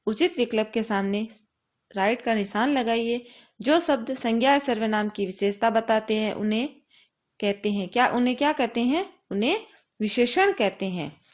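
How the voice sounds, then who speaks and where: A woman teacher giving a grammar lesson to young children, reading worksheet items aloud slowly and patiently, and asking questions that she then answers herself. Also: fairly high pitch. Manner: reads worksheet items aloud in a steady, measured way.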